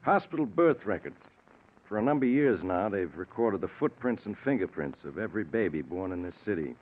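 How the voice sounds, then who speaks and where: An actor playing a polite, unhurried police inspector in an old radio thriller. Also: male voice, low voice, very animated. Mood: calm, courteous. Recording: tinny, narrow old radio recording.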